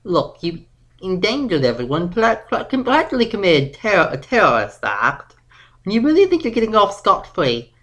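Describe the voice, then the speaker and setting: A man playing a stern father who lectures his daughter in a halting, disappointed way in a fan audio drama. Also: high voice, wildly swooping pitch, bright, forceful tone, voice pushed up, heavily acted, low-quality recording.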